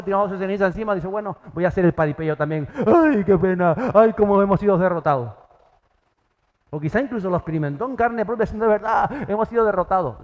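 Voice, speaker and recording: A man delivers a sermon with a somewhat high voice. He breaks into acted-out dialogue, jumping up in pitch for each figure. The recording is dull and drenched in long church reverb. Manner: acts out dialogue with sudden pitch jumps. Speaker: pastor.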